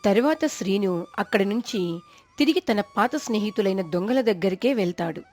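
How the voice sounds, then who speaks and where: A woman calmly narrating a cartoon moral story and voicing the wife. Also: medium pitch, normal speed, faint music behind.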